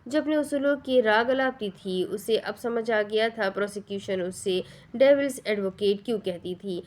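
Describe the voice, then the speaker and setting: Woman reading a novel aloud. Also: mid-range voice. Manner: steady storytelling, occasional restarts of words. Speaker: audiobook narrator.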